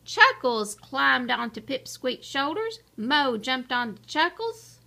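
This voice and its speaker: Brief: female storybook reader, high, animated pitch. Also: creaky. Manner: slow, expressive storytelling. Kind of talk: reading a picture book aloud.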